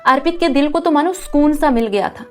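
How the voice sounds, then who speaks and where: Woman narrator for an audio drama, high voice, emotive, faint music behind. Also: fairly quick. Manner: emotive storytelling.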